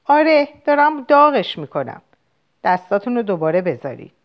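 A woman voicing a lively, playful young girl in an audiobook, with a higher, coaxing childish tone. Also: natural voice. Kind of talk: audiobook character voice.

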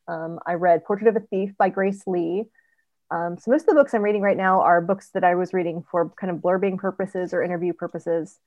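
A woman author chatting as a guest on a podcast interview, telling stories in an animated way with frequent ums. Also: fairly low pitch, dry recording, dull audio. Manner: animated storyteller, quick asides, frequent ums. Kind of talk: casual interview chat.

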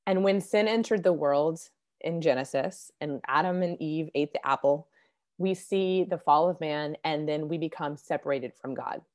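A woman giving an earnest, conversational Bible teaching, a little hoarse as she recovers from losing her voice, clearing her throat now and then. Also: low-pitched, darkish tone. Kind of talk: devotional Bible teaching talk.

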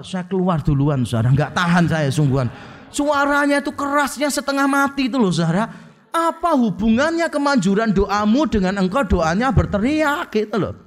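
A man preaches in a high, light voice. He talks to his congregation like a friend, joking and mimicking the prayers of others. It sounds like a relaxed sermon. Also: moderate pace. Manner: conversational and humorous, acting out quoted prayers. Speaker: pastor.

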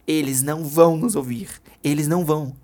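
A storyteller voicing a frightened middle-aged mother with a trembling, pleading voice that rises high. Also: steady tone, a little fast, darkish tone, close to an everyday voice.

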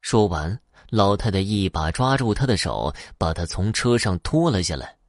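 A man narrating a scripted ghost story in an expressive, dramatic way. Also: low-pitched, normal speed, no echo, clean studio sound.

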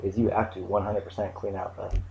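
A man in casual chat, rambling and halting with lots of ums. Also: deep voice, level tone, vocal fry, a little mellow, rough recording.

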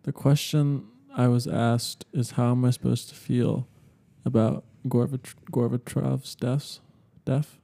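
Male podcast co-host, very soft-edged and mellow with heavy fry, loose, hesitant conversational delivery. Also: medium pitch, little pitch movement, slow, hardly any pauses. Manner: rambling, hesitant, speculative. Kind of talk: casual chat.

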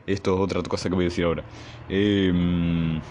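A young man with an Argentine accent, hosting his podcast and telling a school story in a casual, slangy, animated way. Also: low voice, normal speed, background noise. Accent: Argentine Spanish. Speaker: podcast host.

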